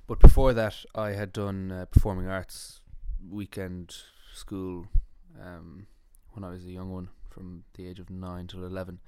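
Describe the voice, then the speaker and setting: A man's voice: low voice, level tone, measured pace, few pauses, dark tone, smooth, no room sound. A man with a West of Ireland, Galway accent, chatting casually in a matter-of-fact, sweary way. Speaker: actor. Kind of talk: casual conversational self-introduction and chat.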